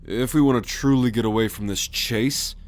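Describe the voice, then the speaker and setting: A man plays a roguish, protective alien scout captain in a sci-fi ASMR roleplay, giving orders in a measured, authoritative way. His medium-pitched voice is lightly acted, and his mood is calm and assured.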